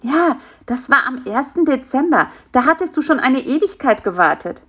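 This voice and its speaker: A woman's voice: high-pitched, sing-song, normal speed, fairly bright tone, breathy edge, pitched above the performer's own voice, heavily acted. Field: a woman doing a scheming little fly. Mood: eager. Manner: bossy, eager, talks people into plans. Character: clever pushy male fly, scheming and impatient. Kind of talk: storybook character voice.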